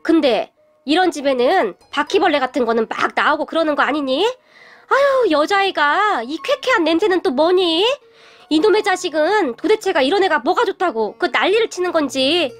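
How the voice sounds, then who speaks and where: Woman playing a scornful rich mother in a storybook reading, high-pitched, drawn-out sneering delivery, faint music behind. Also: expressive, a bit bright. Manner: sneering, shrill scolding. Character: haughty rich middle-aged mother, scornful.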